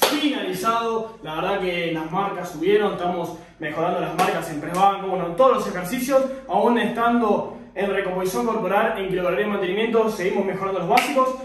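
A man talking casually to the camera as a fitness vlogger after a workout. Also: high voice. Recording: very echoey room, distant mic, faint noise.

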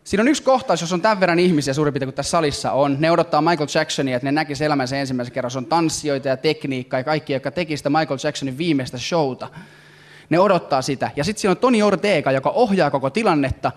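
A man performing a stand-up comedy routine on stage, talking in animated, excitable bursts. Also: fairly high pitch. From Finland. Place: comedy stage before a live audience.

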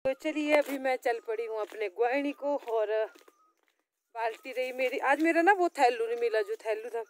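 A young woman with a Himachali Pahari accent, chatting casually and rambling to her viewers in a homely vlog. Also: on the high side. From Himachal Pradesh, India. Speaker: vlogger.

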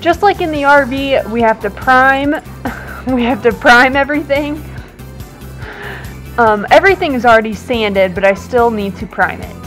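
Filming herself at arm's length on a handheld camera, a woman in her twenties talks through a painting project in a basement and garage workshop for a casual DIY vlog. She's chatty and relaxed, explaining as she works in a high, unhurried voice, with faint music behind.

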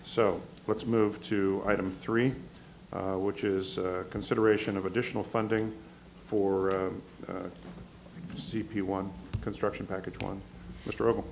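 A man chairing a public board meeting, his low voice flat and gravelly. He speaks measuredly into a desk microphone, pausing on fillers, with faint hum in the large hall behind him.

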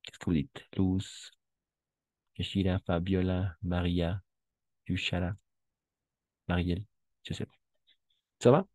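A man's voice: low voice, little pitch movement, slow pace, pauses often, a little mellow, dry recording. A man teaching a French lesson, patiently explaining and switching between French and Spanish. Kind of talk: online language lesson.

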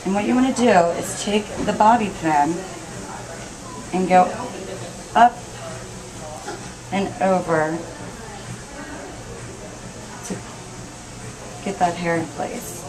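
A woman's voice: lowish voice, slow, pauses often, crowd noise, rough recording. Young woman stylist talking through a hairdo. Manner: casual, step-by-step, talking while working on her own hair. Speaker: hair stylist. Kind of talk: hairstyling tutorial. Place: indoor hair salon.

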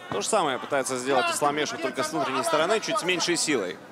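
A man's voice: on the high side, huge pitch swings, rapid-fire. A man co-commentating on a fight live, explaining tactics in a conversational, analytical way. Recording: very loud arena crowd behind.

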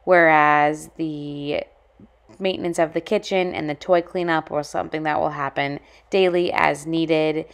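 Woman, thirties, low voice, smooth and clear, casual vlog voice-over, chatty and explanatory. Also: fairly even intonation, a little slow. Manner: conversational, explanatory, with occasional fillers. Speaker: lifestyle vlogger.

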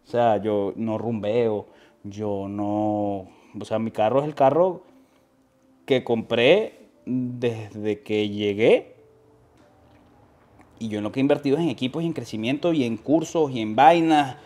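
A young man from Venezuela talks a little slowly in a medium-pitched, dark-toned voice with a Venezuelan accent. He's a guest in a casual interview, sitting on a sofa in a living room with a lapel mic. His slangy storytelling features quoted voices and many restarts.

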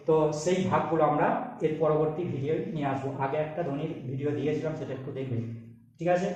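A man's voice: on the high side, darkish tone, distant mic. A man teaching a grammar lesson, explaining step by step and asking and answering his own questions. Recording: very echoey room, off-mic.

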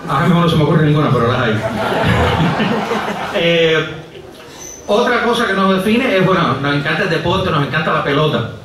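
Speaking a little high with lively intonation, this middle-aged comedian and writer from Cuba moves fairly quickly but leaves long pauses in his wry, digressive set, hesitating often. He stands at a stand mic on an outdoor stage, heard from a distance in echoey live audio, with a laughing crowd and other noise behind him.

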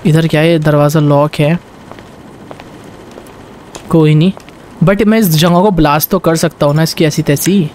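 A young man with a high-pitched voice narrates a video game for his viewers, excitable and chatty. He switches between Hindi and English words as the action goes on. A faint background hiss sits under the recording. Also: measured pace, pauses often. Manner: excitable, talks to viewers, barks orders in role. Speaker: gameplay commentator.

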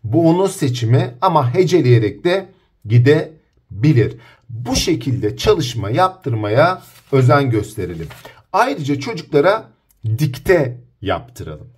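A man teaching early reading, slowly sounding words out syllable by syllable for parents. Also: mid-range voice, a little mellow, slightly rough. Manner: slow, drawn-out syllable-by-syllable sounding out.

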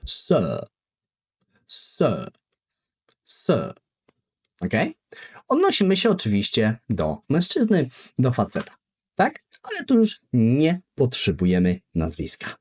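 Slow, animated male language teacher. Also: medium pitch, breathy edge. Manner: repeats each word slowly for practice, very lively intonation. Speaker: English teacher. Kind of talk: beginner language lesson.

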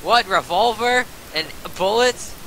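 A young man chats in a laid-back, teasing way while he plays a game with a friend. His voice is slightly high and bright, and a faint hiss sits under it. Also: animated, slow pace, poor audio. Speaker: co-player. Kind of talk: casual gaming chat.

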